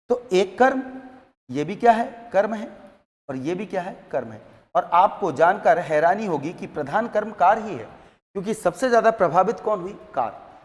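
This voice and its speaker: High-voiced male grammar teacher. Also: darkish tone. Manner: asks the class questions and answers them himself. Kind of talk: classroom grammar lesson. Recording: long hall reverb.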